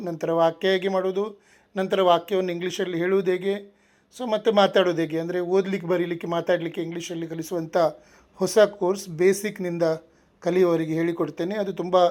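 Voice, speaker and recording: High-voiced man drilling verb forms. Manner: recites each verb form twice in a steady rhythmic list; plain, instructive explaining. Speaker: language teacher. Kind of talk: vocabulary drill lesson.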